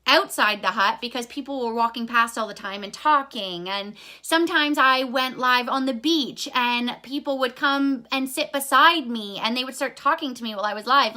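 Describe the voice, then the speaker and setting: A woman's voice: sits high, pushed and bright. A young woman giving an earnest, encouraging motivational talk on a live video, speaking straight to her viewers and a little out of breath. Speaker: online business coach.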